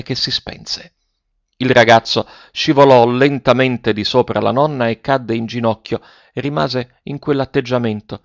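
A man narrating a story in a measured, solemn way. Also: medium pitch, no echo. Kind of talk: audiobook story reading. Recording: dull dry recording.

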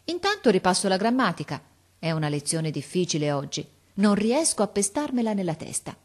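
Woman voicing an eager, lively young boy. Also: mid-range voice. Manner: quick, lively, chatty. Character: cheerful hardworking young boy, brisk and eager. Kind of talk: audiobook character reading.

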